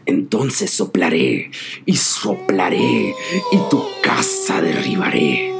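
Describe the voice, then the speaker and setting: A man voicing a hungry, angry big bad wolf in a storybook reading, speaking low and drawn out. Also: wildly swooping pitch, slow pace, creaky, over loud music, full character voice. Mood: menacing.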